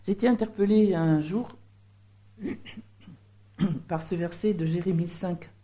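A woman's voice: fairly low pitch, unhurried, dark tone. A middle-aged woman giving a sermon in French, explaining word meanings with a teaching manner. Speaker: preacher.

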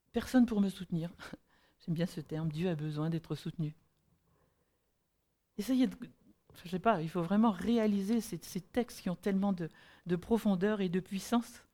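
A woman preaching a sermon and reading Bible verses, earnest, with halting restarts as she thinks aloud and emphatic rhetorical questions. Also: lowish voice, warm tone.

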